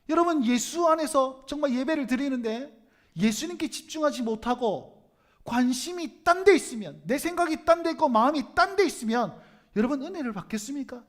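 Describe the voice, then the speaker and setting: Pastor, male, middle-aged, Gyeongsang accent; humorous sermon delivery with a pitch that climbs and dips a lot. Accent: Gyeongsang Korean. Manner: humorous, asks the congregation questions, acts out quoted speech.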